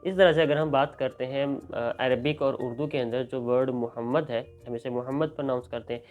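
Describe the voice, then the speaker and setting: A man's voice: medium pitch, darkish tone. A man teaching English pronunciation in a video lesson, switching between Hindi-Urdu and English and spelling out letters.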